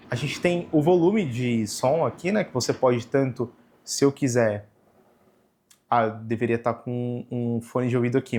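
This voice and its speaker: Um homem jovem com sotaque brasileiro, explicando passo a passo o menu de uma câmera num tutorial descontraído, com muitos "né" e "tá". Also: male voice, mid-range voice. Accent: Brazilian Portuguese. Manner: relaxed, explains step by step with frequent "né" and "tá". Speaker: camera tutorial host. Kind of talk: casual hands-on tutorial. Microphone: camera microphone.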